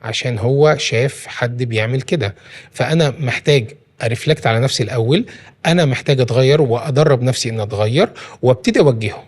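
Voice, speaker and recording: Egyptian man, parenting guest; quick, explanatory, lots of self-corrections. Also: mid-range voice. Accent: Egyptian Arabic. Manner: explains with everyday examples, many restarts. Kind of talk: casual studio conversation.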